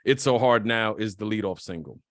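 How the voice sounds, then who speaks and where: A man co-hosting a podcast, low in pitch, talking eagerly with plenty of restarts and questions for the others. His voice sounds close and completely dry. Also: brisk, fairly bright tone, no room sound. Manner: enthusiastic, full of fillers and restarts, asks co-hosts questions. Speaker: podcast co-host. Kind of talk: casual podcast chat about hip hop.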